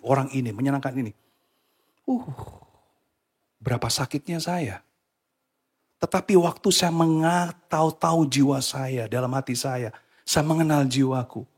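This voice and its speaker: A man preaching a sermon to a church congregation, animated and often slipping English phrases into his talk. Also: fairly high pitch, slightly rough. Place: church hall.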